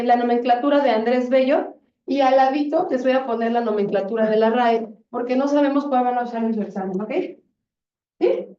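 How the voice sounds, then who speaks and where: In an echoey classroom, a Spanish teacher with a high, dark-toned voice works through grammar, asking her students questions and urging them on. The lo-fi recording is taken from a distance.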